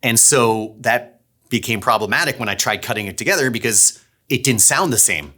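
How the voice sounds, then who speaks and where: A man's voice: medium pitch, animated, normal speed, sharp tone. A man hosting a behind-the-scenes series, explaining his production work in a casual, conversational way. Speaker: audio drama director and series host.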